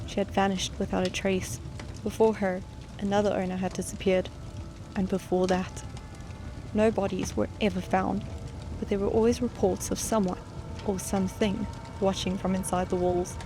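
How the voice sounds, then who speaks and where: Female horror narrator, scripted storytelling, suspenseful, measured, mid-pitched, little pitch movement. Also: flat delivery. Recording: music bed behind the voice.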